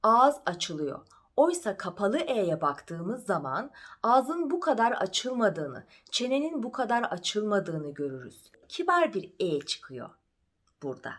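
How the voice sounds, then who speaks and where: A middle-aged woman teaching diction, demonstrating words slowly and carefully. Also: mid-range voice, very animated. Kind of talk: diction lesson.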